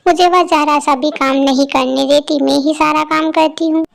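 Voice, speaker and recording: A woman's voice: sits high, fairly even intonation, normal speed, vocal fry. A woman voicing a rude, lazy young daughter-in-law in a cartoon story who talks in a bossy, demanding way. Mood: dismissive.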